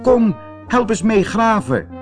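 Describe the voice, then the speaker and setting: A man voicing a brave, bossy male water rat who looks after his friend, talking in a brisk, urging way. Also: high voice, sing-song, music in the background, voice pushed up, exaggerated voice. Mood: excited.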